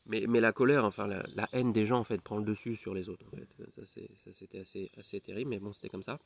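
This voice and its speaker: A man's voice: on the low side, steady tone, fast, gravelly. A man, a hypnotherapist, tells a personal story in French with many fillers and restarts, often dropping to a near whisper. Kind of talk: personal testimony.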